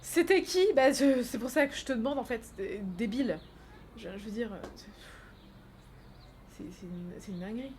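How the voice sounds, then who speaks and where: A woman streaming a game, chatting casually, animated, teasing and crude, laughing often. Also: fairly high pitch, moderate pace, long pauses, a little hiss or hum. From France. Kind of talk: casual gaming stream chat.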